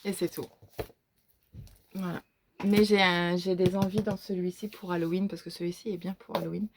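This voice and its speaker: A woman's voice: on the low side, flat delivery, moderate pace, background noise. A woman with a regional French accent chatting casually in a vlog, showing her coloring book collection, hesitant with many fillers and restarts. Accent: regional French, which she says is folkloric. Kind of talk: casual show-and-tell vlog.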